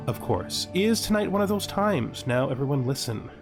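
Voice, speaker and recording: This man's mid-range voice has a sing-song quality and moves at normal speed. As a gaming video host, he narrates a playthrough in a relaxed way, thinking aloud and reading text off the screen, over background music.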